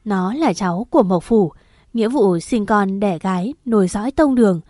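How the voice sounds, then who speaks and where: A harsh, shouting patriarch, an older man used to being obeyed, as a woman narrator puts him on. The recording is dry and close, with no room sound. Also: mid-range voice, animated, moderate pace, no echo, lightly acted. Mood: stern. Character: stern patriarch father, older man, domineering.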